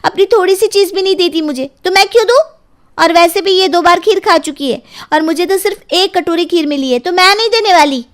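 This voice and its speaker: A woman's voice: very high-pitched, fairly quick. A woman voicing a sulky, whiny eight-year-old girl in a cartoon storybook.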